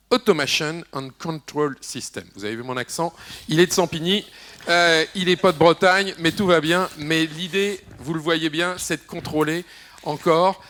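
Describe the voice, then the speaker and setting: A man's voice: a little high, fairly bright tone, a little hiss or hum. A man, an elected official, speaking on a conference round-table panel, hesitant with many fillers and restarts, slipping in jokey asides. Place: conference hall.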